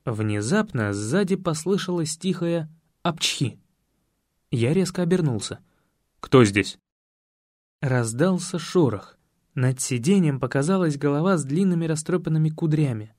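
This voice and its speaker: Мужчина читает детективную аудиокнигу от первого лица, размеренно и сухо. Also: male voice, fairly high pitch, expressive, normal speed, warm tone, dry recording, clean studio sound. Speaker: audiobook narrator. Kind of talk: scripted first-person narration.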